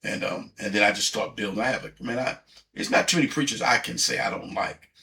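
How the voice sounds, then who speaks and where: A man speaks in a low, gravelly voice with a bright edge. He talks as a bishop would, emphatic and blunt, with a faint hiss under the stream audio. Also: fast talker, recorded from a distance. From East Baltimore. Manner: emphatic, preacherly, street-blunt. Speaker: bishop, guest. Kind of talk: casual conversation on a livestream.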